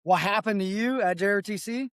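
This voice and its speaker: A man's voice: high voice, a little fast, fairly bright tone, dry recording. A man co-hosting a casual chat, joking and swearing as he tells his own army story. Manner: swearing, joking, laughs while telling. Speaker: podcast co-host, veteran.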